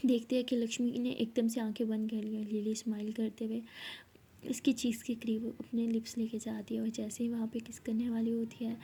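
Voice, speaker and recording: A young woman narrating a love story in a casual way, speaking the characters' lines herself and often dropping to a soft whisper. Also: a little high, a little hiss or hum. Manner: acts out both girls' lines in her own voice, often whispering softly.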